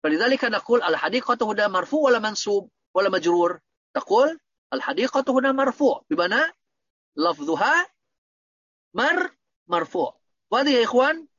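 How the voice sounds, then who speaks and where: A man's voice: very high-pitched, very animated, brisk, long pauses, a bit bright, no room sound. A man teaching Arabic grammar in an online lesson, quizzing his students with repeated questions. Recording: dull, dry lo-fi audio.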